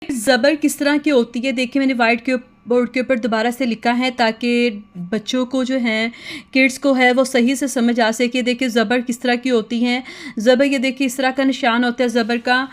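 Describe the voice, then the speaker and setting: A woman teaching a children's lesson at a whiteboard, patiently repeating sounds in slow sing-song chants. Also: a little high, level tone.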